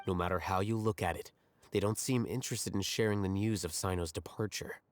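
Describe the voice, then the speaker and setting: An actor playing a composed, analytical scholar in a video game, explaining things in a measured way. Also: male voice, low-pitched, fairly even intonation, slight background noise, lightly acted. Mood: calm, analytical.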